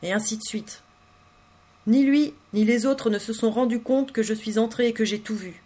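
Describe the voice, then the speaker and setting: Female audiobook narrator, slightly high voice, intimate and expressive first-person literary reading. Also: fairly quick. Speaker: audiobook reader.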